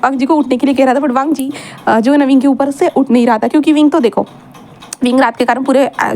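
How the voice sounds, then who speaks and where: A woman reads a romance fan fiction aloud in a high, bright voice. She talks fast and chattily, repeating little connecting phrases as she goes. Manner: chatty, repetitive narration. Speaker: storyteller.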